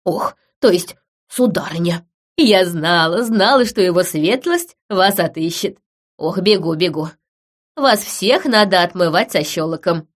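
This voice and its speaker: A woman voicing a fussy, hurried older housekeeper giving orders, in a storybook reading. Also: on the low side, lively intonation. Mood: bustling.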